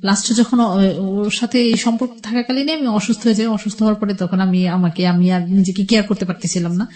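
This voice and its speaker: Speaking fairly fast with a medium, steady pitch and a somewhat dark tone, this middle-aged Bangladeshi-accented woman shares personal stories on a radio interview. Her delivery wanders and stays colloquial, often quoting things people said to her long ago.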